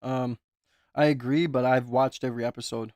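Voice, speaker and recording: A man with a medium-pitched, darkish voice and fairly even intonation runs his own livestream at a moderate pace, sore throat and all. The recording is dry and clean, studio-grade, as he chats casually, reads the chat aloud, and asks viewers for likes.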